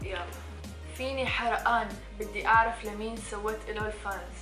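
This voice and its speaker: A woman's voice: medium pitch, fairly even intonation, fast, sharp tone. A young woman of sixteen with a Levantine Arabic accent, chatting casually as a vlog co-host. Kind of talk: casual chat. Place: living room couch, indoors. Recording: echoey room with music.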